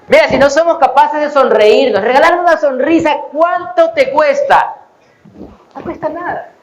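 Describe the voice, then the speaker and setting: A man's voice: very high-pitched, normal speed, slight background noise, rough recording. A man giving a conversational sermon as a pastor, with self-deprecating humor and acted-out snippets of dialogue.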